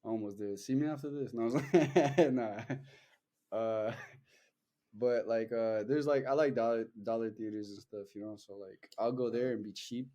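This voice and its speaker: A man's voice: on the low side, moderate pace, dark tone. A young man hosting a podcast, chatting loosely and rambling with lots of fillers and swearing. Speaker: podcast host. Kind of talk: casual chat.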